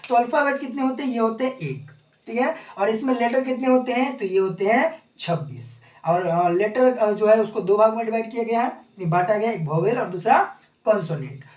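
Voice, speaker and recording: A woman's voice: on the high side, brisk. Distant woman teaching in an echoey room. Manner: explains step by step, asks and answers her own questions. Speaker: English teacher. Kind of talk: classroom lesson explanation. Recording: echoey room, distant mic, dull sound.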